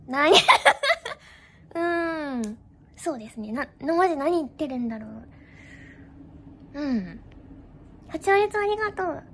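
A young woman streamer chats casually with her viewers in a high, light voice. She is playful and giggly and keeps tossing in bits of English. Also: big pitch swings, slow pace, long pauses, a bit bright, slight background noise. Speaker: live streamer.

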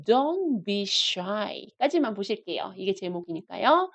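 A woman teaching a live online English lesson, explaining phrases and leading slow, repeated pronunciation drills. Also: mid-range voice, sing-song.

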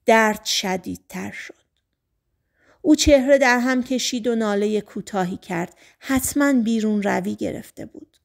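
A woman narrating a novel in a calm, measured reading voice. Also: mid-range voice, gravelly. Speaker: audiobook narrator. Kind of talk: scripted narration.

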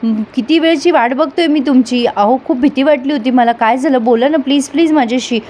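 A woman's voice: high-pitched, fairly quick, darkish tone, slight background noise, close to an everyday voice. A woman voicing a remorseful young husband, speaking in a pleading, apologetic way.

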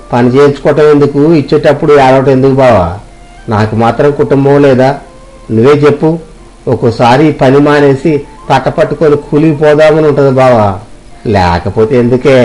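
A man with a mid-range, darkish voice plays poor older village men in a dramatized moral story: a washerman and his barber friend. Their dialogue is earnest and rustic.

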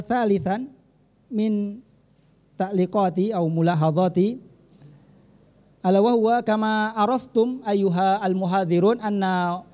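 A man with an Indonesian accent, a teacher giving deliberate, hesitant spoken feedback on student speeches. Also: high voice, dark tone. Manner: deliberate and measured, with frequent hesitations. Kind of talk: formal critique read from notes, mixing Arabic and Indonesian.

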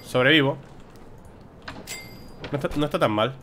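A man's voice: medium pitch, normal speed, bright, forceful tone, a little hiss or hum. A young man from Spain with a Spanish accent giving casual gameplay commentary, talking to himself and grumbling as he plays. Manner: talks to himself, grumbling and exclaiming. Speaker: gameplay streamer.

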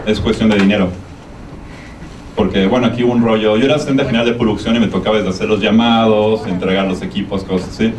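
A young man with a Mexican accent giving an informal conference talk in a colloquial, hesitant, meandering way. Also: fairly low pitch. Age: young adult. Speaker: guest speaker, media production worker. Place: university lecture room. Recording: echoey room, distant sound, background noise.

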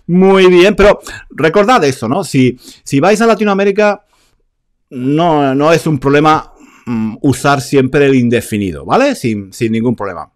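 Lively, chatty Spanish teacher man. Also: fairly high pitch, measured pace. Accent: Spain Spanish. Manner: chatty, lively, repeats phrases, reads out viewer comments. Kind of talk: live online class.

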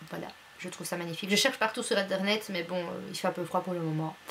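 A woman's voice: fairly low pitch, steady tone, fast talker, fairly bright tone, slight background noise. A young woman from Belgium, chatting bluntly and playfully as she answers a casual vlog questionnaire from her bedroom, full of fillers. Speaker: YouTuber.

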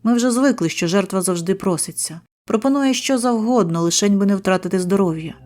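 A woman narrates a first-person horror story. She reads in short, clipped sentences with a tense, steady delivery. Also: mid-range voice, a little fast.

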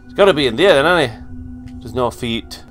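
A man's voice: medium pitch, lively intonation, normal speed, loud music behind the voice. A man commentating a horror game playthrough, jumpy, sweary and joking to himself. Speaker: gaming video host.

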